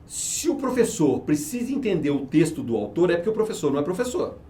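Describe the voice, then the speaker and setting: This research and market manager speaks fast in a slightly high, mellow voice, very animated as he makes an emphatic, persuasive case for his teaching method in an interview. He keeps posing rhetorical questions and answering them himself, over a little hiss or hum.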